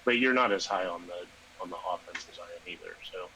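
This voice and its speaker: Bright-voiced low man rambling about football. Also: quick pace, a little hiss or hum, poor audio. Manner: rambling, filler-heavy, animated bursts. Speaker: podcast co-host. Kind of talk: casual sports chat.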